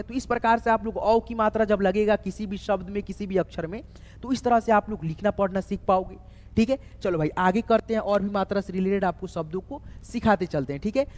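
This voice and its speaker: A man teaching a spelling lesson, slowly spelling words letter by letter and often checking that viewers follow. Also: sits high, a little mellow. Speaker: online English tutor. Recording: echoey room with long reverb.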